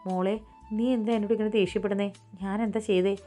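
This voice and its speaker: A woman voicing a gentle, timid young wife who pleads softly and stammers, with faint music behind. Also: mid-range voice, flat delivery, quick pace, natural voice. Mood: pleading.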